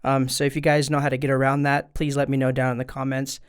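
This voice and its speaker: A man at a desk indoors talks viewers through a casual tutorial one step at a time, speaking informally into a studio microphone connected to an audio interface. His medium-pitched voice is clear and resonant, delivered quickly and in a monotone.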